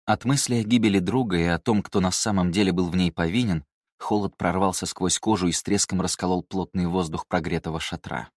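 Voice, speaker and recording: Male audiobook reader, very low voice, dry close recording, measured delivery. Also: no echo. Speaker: audiobook narrator. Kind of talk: scripted narration.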